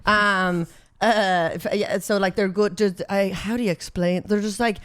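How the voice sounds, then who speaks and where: A woman's voice: medium pitch, steady tone, measured pace, clear, resonant tone, no room sound, clean studio sound. A young woman with an Irish accent chats casually as a podcast co-host. She talks in a loose, rambling way, often stopping to find her words and breaking into giggles. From Ireland. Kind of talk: casual chat.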